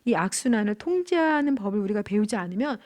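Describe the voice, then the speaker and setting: A woman's voice: mid-range voice, fast talker. A woman in her thirties teaching a church marriage class, telling candid personal stories in an earnest, conversational way. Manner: earnest, candid storytelling with animated quoted outbursts.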